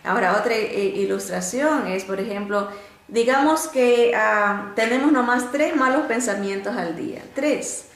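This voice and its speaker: A woman teaching a Bible lesson through stories, animated and often pausing on "este" and restarts. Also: roomy sound. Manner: animated storytelling, often rising in pitch to act out quotes; frequent filler "este" and restarts.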